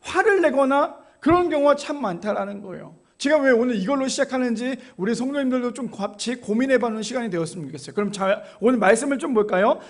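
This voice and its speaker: Male pastor, very high voice for a man; chatty sermon delivery, keeps turning questions to the congregation. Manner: conversational, asks the congregation rhetorical questions. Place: church.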